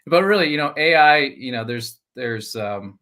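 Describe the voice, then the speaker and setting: A man's voice: medium pitch, animated, moderate pace, bright, forceful tone. A man co-hosting a live workplace talk show, chatty and teasing, with frequent laughs. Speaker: podcast co-host. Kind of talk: casual live show chat.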